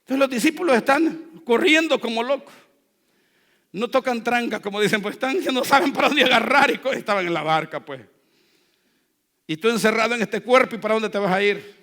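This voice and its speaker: A male pastor with a high, bright, ringing voice delivers a fervent sermon, calling on the congregation to repeat after him. His preaching rises from low asides to loud exhortation, and the sound carries a long reverb from the church hall. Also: fairly quick. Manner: exhorting, call-and-response with the congregation. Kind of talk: Spanish-language church sermon. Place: church sanctuary.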